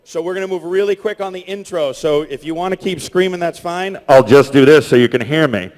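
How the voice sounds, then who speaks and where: Projecting loudly through a stage microphone and PA, a man hosts a live convention panel he created, hyping up the crowd in a large hall. His voice is a little high and brisk, and the hall adds long, echoey reverb.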